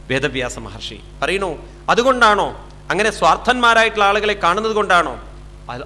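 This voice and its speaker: A man giving a spiritual discourse, chanting verses slowly and then explaining them. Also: fairly high pitch, sharp tone, slight background noise. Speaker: spiritual speaker.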